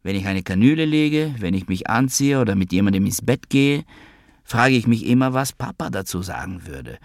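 A man voicing a troubled, world-weary young woman in an audiobook, speaking softly and subdued. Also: fairly low pitch, animated, moderate pace, no room sound, studio quality. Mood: bitter.

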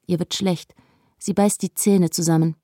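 A woman narrating a novel in a measured, calm storytelling voice. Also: lowish voice, no room sound. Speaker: audiobook narrator. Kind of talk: scripted narration. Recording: dry studio sound.

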